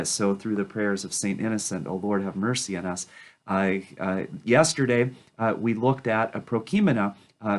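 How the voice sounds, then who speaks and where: A priest who is losing his voice gives a daily scripture reflection with a halting delivery and frequent pauses. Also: fairly low pitch. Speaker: Orthodox priest.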